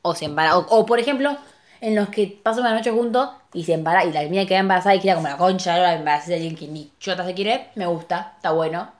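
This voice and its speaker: A young woman with a Rioplatense Spanish accent, chatting casually about books in an animated, teasing way. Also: on the low side, fast talker. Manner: animated, teasing, laughs often.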